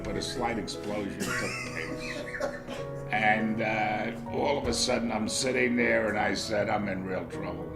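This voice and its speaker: Older man, gravelly, animated storyteller; roomy sound, faint music underneath. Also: fairly low pitch. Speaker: interviewee. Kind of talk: recounting childhood stories.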